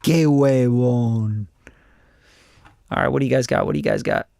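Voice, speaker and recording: Vocal fry colors this medium-pitched, slightly mellow voice, which moves at a normal speed with no room sound. It belongs to a music producer from Costa Rica in his forties, who reviews songs on a casual livestream in a blunt, rambling, cursing style.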